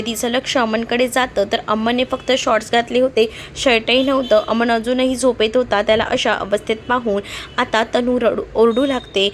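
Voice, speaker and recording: A woman narrating a serialized story in a steady, plain reading. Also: on the high side, slight background noise.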